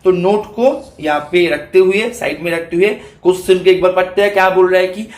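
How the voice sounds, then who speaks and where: A man's voice: high voice, steady tone, a little fast, a little mellow, roomy sound. A man teaching a math lecture for exam preparation. He explains step by step in Hindi mixed with terms, often checking that students follow.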